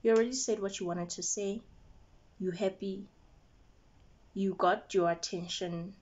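A young adult woman vlogging at home while doing her makeup, retelling a story with quoted dialogue in an animated, indignant way. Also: medium pitch, a little slow, muffled recording. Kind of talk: get-ready-with-me storytelling.

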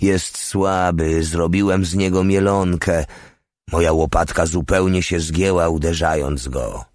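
A man reading the part of a rough, crude soldier who talks bluntly and indifferently. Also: low-pitched, steady tone, measured pace, darkish tone, no room sound, studio quality. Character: big rough male soldier, crude and callous.

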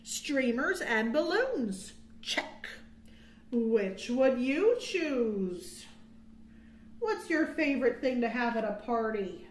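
An American children's librarian in her thirties hosts storytime for young kids, reading aloud and doing counting rhymes in a fairly high, very animated voice. Her phrasing is sing-song and drawn out, captured on a roomy-sounding webcam mic in a small, quiet indoor room.

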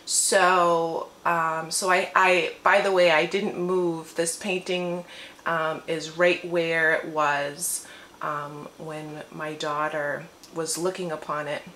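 A woman with a deep, fairly bright voice vlogs from her living room in her morning voice, slowly giving a long-winded, rambling personal testimony to camera. Her pitch barely moves. The recording has a roomy echo, faint ambience, and slight background noise.

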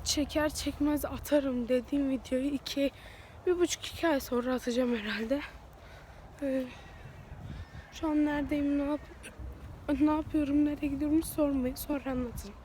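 A woman's voice: sits high, fairly even intonation, normal speed, long pauses, mellow, slight background noise. A young woman with a cold, congested and sore-throated, chatting casually as she walks outdoors and films herself on a phone at arm's length. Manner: rambling, chatty, self-mocking. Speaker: vlogger. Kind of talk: casual walking vlog. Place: outdoors on town streets. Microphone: phone held at arm's length.

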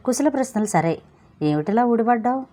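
Brief: dramatic, anxious young man, read by a woman in a storybook, mellow tone. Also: on the high side, animated, fairly quick, pitched above the performer's own voice. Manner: exclamatory, mixes English words.

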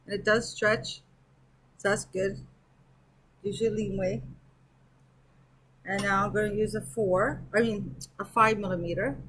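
A woman reviewing yarn on her crochet channel, talking in an unhurried, easy way. Her voice is a little husky, and she thinks aloud as she works, counting stitches under her breath. It is a relaxed home crafting chat. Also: mid-range voice, poor audio. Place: at home with an air conditioner running.

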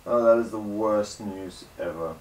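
A woman's voice: very deep voice, measured pace, a little mellow, slight background noise, rough recording. A woman chatting casually and playfully with a friend. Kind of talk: casual conversation. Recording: music playing over the talk.

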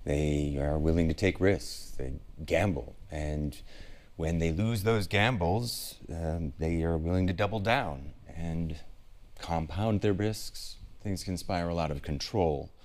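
An actor playing an analytical interview guest in a mock documentary, speaking in measured, halting phrases with an ominous turn. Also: male voice, deep voice, a little mellow. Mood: grave, reflective. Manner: measured, speculative, pausing between phrases.

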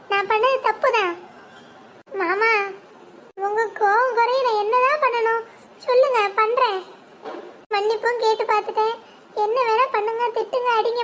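A woman's voice: very high voice, a bit bright, a little hiss or hum. A woman voicing a remorseful young wife in a cartoon, pleading with her husband for forgiveness. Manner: pleading, apologetic.

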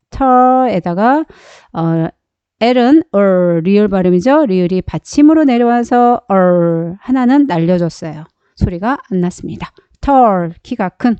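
A woman teaches a beginner phonics lesson at a slow, careful pace, asking a question and then answering it herself. Her voice is mellow and smooth. The recording is dry and a little dull. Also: medium pitch, no room sound.

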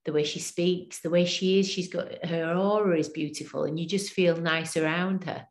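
Low-voiced woman chatting on a video call. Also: steady tone, moderate pace. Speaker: guest. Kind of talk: casual video call conversation. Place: home living room.

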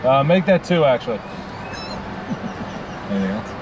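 A man's voice: mid-range voice, big pitch swings, normal speed, muffled recording. Man ordering at a drive-through. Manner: easygoing, polite, with fillers and hesitations. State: ordering food at a drive-through speaker from a car. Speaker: hunting vlogger. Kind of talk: casual chat on a road trip. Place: inside a car at a drive-through. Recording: distant mic with loud car noise.

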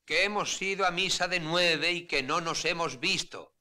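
An actor playing a boisterous, grumpy middle-aged carouser in a film comedy. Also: male voice, on the high side, moderate pace, pushed and bright. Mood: groggy, irritable.

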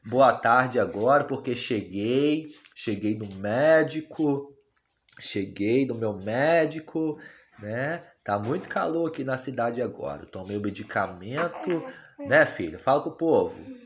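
A man filming a casual family vlog, talking gently and dotingly to his baby daughter. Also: medium pitch, animated, unhurried, highs cut off.

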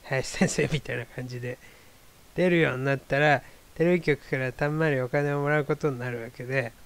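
A man hosting his own talk show, musing in a wry, rambling, self-deprecating casual monologue. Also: medium pitch. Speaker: solo talk show host.

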